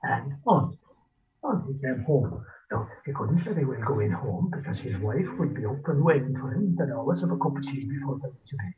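An older man with a rural west of Ireland accent, telling folk tales as a lilting, rambling storyteller who repeats himself and pauses, over a video call. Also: mid-range voice, animated. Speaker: folklorist and storyteller. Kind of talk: oral folk storytelling in casual speech. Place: small dim room at home, indoors. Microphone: computer mic on a video call. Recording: muffled, phone-like video call audio.

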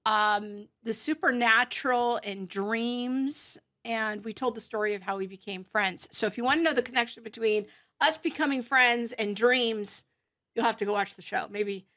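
A woman's voice: on the high side, moderate pace, bright, forceful tone. Chatty upbeat woman co-hosting. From California. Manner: chatty, upbeat, laughs often. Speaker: co-host. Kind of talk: casual live-stream chat.

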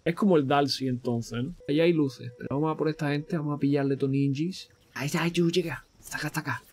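A young man doing excitable, profane commentary on a video game he plays, breaking into sudden shouts. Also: on the high side, quick pace, slight background noise. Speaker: let's play host. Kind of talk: gaming commentary.

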